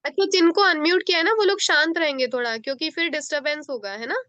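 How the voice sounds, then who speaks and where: An Indian woman teaching a children's class over a video call, explaining slowly and patiently step by step. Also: high-pitched, fairly bright tone, no echo. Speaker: online teacher. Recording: dull lo-fi video call audio.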